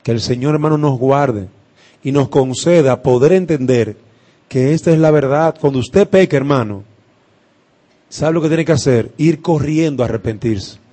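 A man preaching a sermon, impassioned, swinging from loud declarations to hushed words with emphatic pauses. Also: medium pitch.

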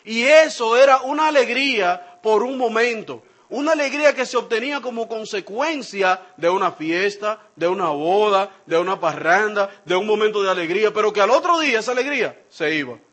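A man's voice: sits high, fairly quick, hardly any pauses. A man preaching a sermon, addressing the congregation directly and acting out the people he quotes with shifting voices. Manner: animated, acts out quoted speech with shifting voices.

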